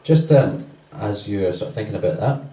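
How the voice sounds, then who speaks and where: Low, mellow man giving church notices, chatty, in a roomy church. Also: animated, normal speed. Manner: loose and conversational, many fillers. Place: church hall. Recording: roomy church sound from a distance.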